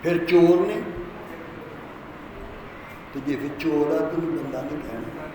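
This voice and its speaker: A Punjabi-accented male pastor preaches at a slow, deliberate pace, his voice sitting high. He calls out lines and urges the congregation to say them back loudly. The church hall is strongly echoey with a long reverb and audible background noise. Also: fairly even intonation. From Punjab, India. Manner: urges the congregation to repeat his words aloud. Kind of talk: call-and-response sermon.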